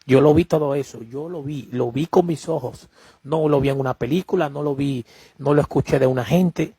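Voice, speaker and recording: A man's voice: medium pitch, moderate pace, dark tone, slightly rough, no echo. A man giving a personal religious testimony to camera, emphatic and repetitive, often addressing the listener as beloved. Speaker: preacher sharing a vision.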